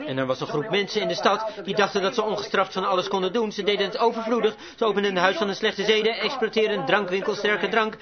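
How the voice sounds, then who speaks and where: Preacher, male, high voice, fervent and emphatic sermon. Dull lo-fi recording with the congregation audible. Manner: emphatic, rising to exclamations.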